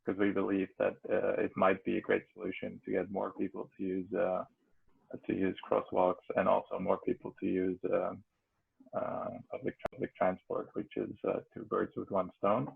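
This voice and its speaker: A male student presenting a project's conclusions in a halting manner with many fillers. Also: deep voice, monotone, gravelly, breathy edge. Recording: tinny phone-like audio.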